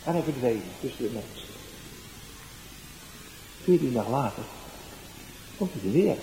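A male evangelist, giving a sermon with personal testimony, going from soft storytelling to loud exclaiming. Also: medium pitch, lively intonation, measured pace. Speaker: evangelist preacher. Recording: roomy echo, faint background noise.

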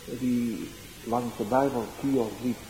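A male evangelist, giving a sermon with personal testimony, going from soft storytelling to loud exclaiming. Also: mid-range voice, fairly even intonation, slow. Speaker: evangelist preacher. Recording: roomy echo, faint background noise.

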